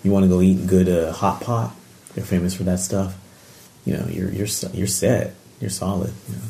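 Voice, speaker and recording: A man with a low voice talks in a relaxed podcast conversation. His tone is dark and mellow. He tells stories with animated energy and laughs often. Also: normal speed, creaky, slight background noise. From Japan. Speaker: podcast co-host. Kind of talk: casual chat.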